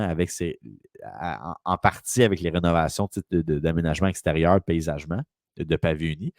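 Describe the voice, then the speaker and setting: A man's voice: deep voice, a little mellow, no echo, studio quality. A man with a Quebec French accent, a real estate broker telling a long rambling story in casual conversation.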